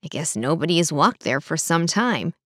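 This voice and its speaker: A woman voicing a calm, measured male police officer in an audiobook. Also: low-pitched, no room sound, studio quality.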